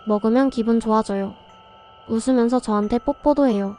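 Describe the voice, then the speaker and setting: A woman's voice: a little high, moderate pace, dark tone, a little hiss or hum, natural voice. A woman voicing an innocent little granddaughter. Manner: short, simple, guileless answers. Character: small young granddaughter, innocent and candid.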